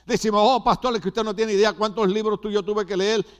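A man's voice: high voice, fairly even intonation, brisk, clean tone. An older man from Puerto Rico with a Puerto Rican accent, preaching a sermon with emphatic repetitions and asides to the congregation. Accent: Puerto Rican Spanish. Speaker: pastor.

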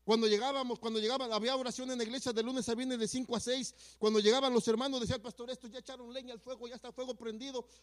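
A man tells his church testimony in his fifties' voice, pitched unusually high for a man. He speaks earnestly, dropping to a hush at some moments and pressing hard with emphasis at others. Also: flat delivery, rapid-fire, few pauses. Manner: earnest, swings from hushed to emphatic. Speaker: church member giving testimony. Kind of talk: personal testimony storytelling.

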